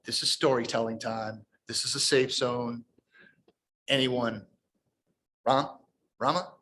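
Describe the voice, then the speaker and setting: A man's voice: medium pitch, steady tone, slow pace, sharp tone, a little hiss or hum, poor audio. A man hosting a speaking club meeting, casually encouraging members to share short stories. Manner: encouraging, casual, repeats words. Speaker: table topics master at a speaking club meeting.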